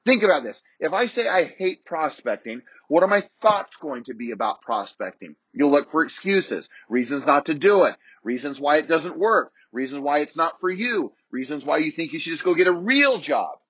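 Guy pumping up real estate agents, bit husky, dry dull lo-fi sound. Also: on the high side, big pitch swings, moderate pace, hardly any pauses, a bit bright, no echo. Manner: emphatic, repetitive, rallying. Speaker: real estate sales coach. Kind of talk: motivational talk.

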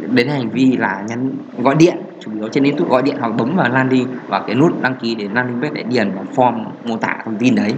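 A man talks through a solo podcast in a loose, rambling way. He stops often on fillers and restarts his sentences. The audio is a little dull, with a faint hiss of noise behind him. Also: medium pitch. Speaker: podcast host. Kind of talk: casual solo podcast talk on marketing.

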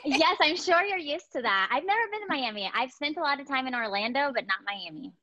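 A woman's voice: sits high, lively intonation, brisk, sharp tone, dry recording. Young woman guest, chatty, lots of "like" and "um", dry muffled home mic. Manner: chatty, filler-heavy, upbeat. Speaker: photography educator, guest. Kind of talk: casual interview chat.

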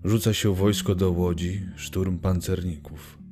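Low-voiced guy reading a story slow and solemn, guitar music under it. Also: steady tone, warm tone. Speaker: audiobook narrator. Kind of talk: scripted literary narration.

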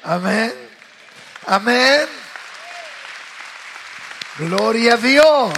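A man with a Rioplatense accent preaching a passionate sermon, rising to loud calls and then dropping to hushed asides. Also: very high-pitched, expressive, very slow, some chatter behind, a little hiss or hum. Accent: Rioplatense Spanish. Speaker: pastor.

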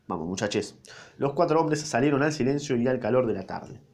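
A man's voice: mid-range voice, fairly quick, a little mellow. A man with a Rioplatense accent reading a story aloud, mixing in irreverent slangy asides. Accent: Rioplatense Spanish. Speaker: narrator.

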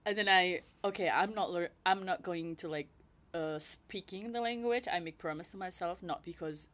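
A woman's voice: lowish voice, normal speed, fairly bright tone. A native Javanese-speaking woman with an Indonesian accent chatting casually in non-native English. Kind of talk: casual group chat.

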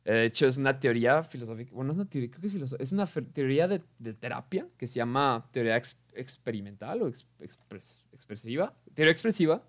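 A young man who gives a casual spoken explanation, talks in an animated way, corrects himself as he goes and acts out little dialogues. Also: medium pitch, fast talker, hardly any pauses.

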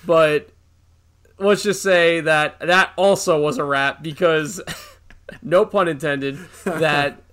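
Bright-voiced man telling profane stories. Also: a little high, slow. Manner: animated, profane anecdotes with acted-out quotes. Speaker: podcast co-host. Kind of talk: casual storytelling chat.

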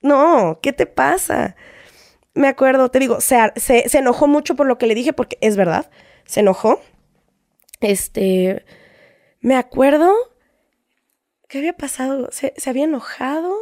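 A woman with a Mexican accent tells a personal story in an animated way, often throwing in tag questions. Her voice sits high. The sound is dry and close, with no room echo. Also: unhurried, pauses often. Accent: Mexican Spanish. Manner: animated, acts out quoted exchanges, frequent tag questions. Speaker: guest telling a personal story. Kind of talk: casual conversational storytelling.

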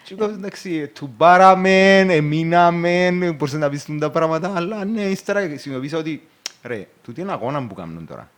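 A man with a Cypriot Greek accent hosting a casual podcast, relaxed and joking, who acts out the things people said. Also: on the high side. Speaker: podcast host.

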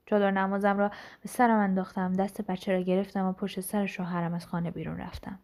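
A woman narrating a first-person short story in a measured, earnest way. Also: mid-range voice, little pitch movement, darkish tone. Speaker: audiobook narrator. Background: background instrumental music.

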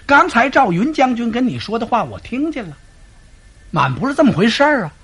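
A man voicing a sharp, scolding young noblewoman in a traditional storytelling performance. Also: very high-pitched, very animated, fairly quick, slightly rough, pitched above the performer's own voice, exaggerated voice. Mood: reproachful.

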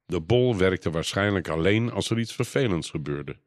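A man reading a children's storybook aloud in a calm, even narration. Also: low-pitched, moderate pace, no echo, clean studio sound.

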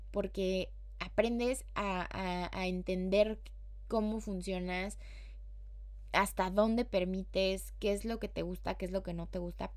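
A woman with a Mexican Spanish accent and a medium-pitched, slightly mellow voice hosts a casual podcast. She chats in a slangy way and playfully acts out quotes.

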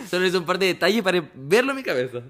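A man's voice: high voice, a bit bright. A young man with a Chilean accent, co-hosting a casual podcast chat with teasing sarcasm. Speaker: podcast co-host.

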